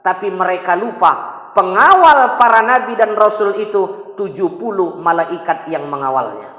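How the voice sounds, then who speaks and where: A man, preaching a humorous storytelling sermon in a lively, joking way. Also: sits high, moderate pace. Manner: lively, joking, acts out voices. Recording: echoey hall with long reverb.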